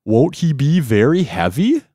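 A man voicing an eager, flattering male jellyfish servant in a high put-on voice. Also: unhurried, dry recording, clean studio sound. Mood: anxious. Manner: high, sweet-talking voice.

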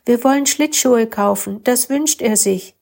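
A woman reading a storybook, voicing an excited nine-year-old boy who looks after his little brother. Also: a little high, unhurried, gravelly. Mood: earnest. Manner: eager, shouting.

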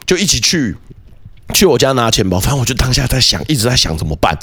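A man telling a childhood story as a podcast guest, animated, with quick repeated words and restarts. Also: medium pitch, breathy edge. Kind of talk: casual storytelling chat.

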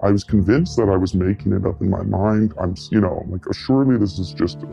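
A husky, creaky, dark-toned man talks fairly quickly, his voice altered and dropped in pitch so he can't be identified. The tipster recalls an interview sighting; the highs are cut off and faint music sits behind him.

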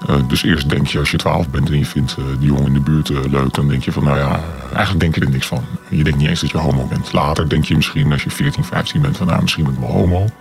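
An anonymous man in his forties speaks in a radio interview, his voice masked by a pitch-shift effect that drops it extremely low. The processed sound is gravelly and rough. He pauses often and fills the gaps with hesitant sounds, weighing each word. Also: steady tone, faint music behind. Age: 40s. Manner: hesitant, many filler sounds, slow and deliberate. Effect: voice disguised with a deep pitch-shift distortion.

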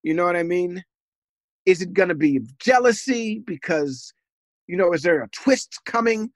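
A man's voice: high-pitched, animated, normal speed, no room sound. A man in casual, opinionated podcast chat, often acting out imagined thoughts and questions. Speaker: podcast host.

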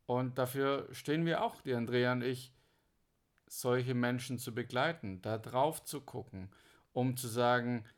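A man's voice: mid-range voice, measured pace. A man co-hosting a coaching podcast, agreeing often and adding supportive remarks. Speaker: co-host, relationship coach. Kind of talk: conversational podcast talk.

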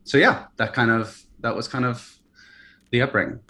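Medium pitch, normal speed: that's how this founder in his early thirties sounds. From California and Hawaii, he speaks casually and a bit hesitantly in an interview, with frequent fillers and restarts.

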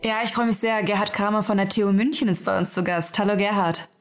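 A woman's voice: mid-range voice, fairly even intonation, quick pace, faint music behind. A woman hosting a podcast interview in a conversational style.

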